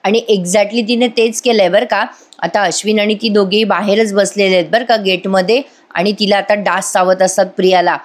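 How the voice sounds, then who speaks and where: A woman's voice: medium pitch, fairly even intonation, normal speed. A woman giving a conversational voice-over recap of a TV serial, speaking straight to her viewers. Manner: conversational, addresses viewers directly. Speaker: TV serial reviewer. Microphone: voice-over microphone.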